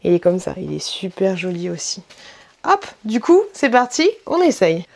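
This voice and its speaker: A woman's voice: fairly low pitch, very animated, moderate pace, gravelly, darkish tone. A woman hosting a casual try-on vlog, chatting in a rambling way with lots of fillers and restarts, and sometimes talking to her child off camera. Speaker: vlogger showing a try-on haul.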